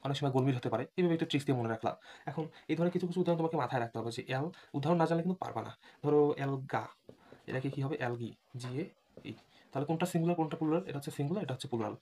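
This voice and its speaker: A man's voice: medium pitch, very fast, dark tone. A man teaching an admission-prep lesson, spelling words out letter by letter and often checking that students follow. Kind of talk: online lecture.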